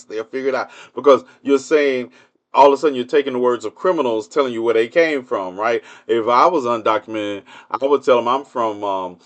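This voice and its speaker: A man hosts his own livestream in a loose, casual monologue about the news. He is sarcastic and keeps throwing rhetorical questions at his listeners. His voice sits at an ordinary middle pitch for a man. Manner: hums a tune while waiting. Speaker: livestream host. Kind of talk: casual political commentary monologue.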